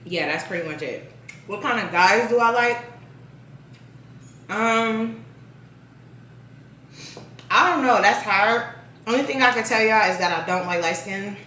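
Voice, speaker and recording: A woman's voice: medium pitch, measured pace, long pauses, bright, forceful tone, slight background noise. A young woman vlogger chatting casually while she eats, saying "like" constantly. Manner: chatty, heavy use of "like", talks while eating. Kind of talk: casual mukbang chat. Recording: echoey room, mic at a distance.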